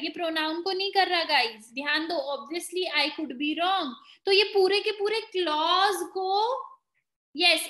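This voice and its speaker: A woman's voice: sits high, sharp tone, reverberant. A woman with an Indian accent teaching grammar in an online exam-prep lesson, explaining step by step and quizzing her students. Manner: explains in mixed Hindi and English, quizzing students.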